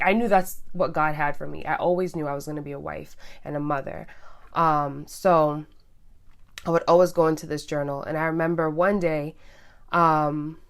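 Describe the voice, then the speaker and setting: A young woman vlogger casually telling her personal story, candid and chatty with lots of ums and likes. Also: deep voice. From Guyana and Trinidad heritage.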